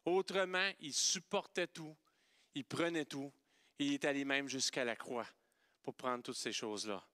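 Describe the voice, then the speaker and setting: A man with a Québécois accent preaching a playful, animated sermon, swinging between loud exclamations and hushed, gentle passages. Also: mid-range voice, moderate pace, dry recording, studio quality. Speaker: pastor.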